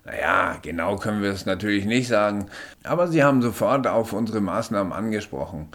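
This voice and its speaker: A man voicing a brisk, sarcastic male paramedic who is proud of his work, in a read-aloud story. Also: lowish voice, animated, a bit bright. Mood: matter-of-fact. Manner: sarcastic, matter-of-fact. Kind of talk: audiobook character voice.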